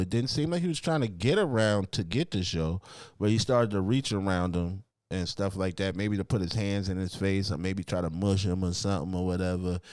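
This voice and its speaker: A man's voice: lowish voice, darkish tone, clean tone, dry recording, clean studio sound. A man hosting a casual event recap, talking informally in street slang and rambling through his retelling. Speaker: host, event commentator.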